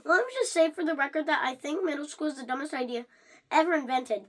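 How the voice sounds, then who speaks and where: For a read-along, a high, female-sounding voice reads a children's book aloud. The delivery is animated but a little halting, with stumbles and phrases started over.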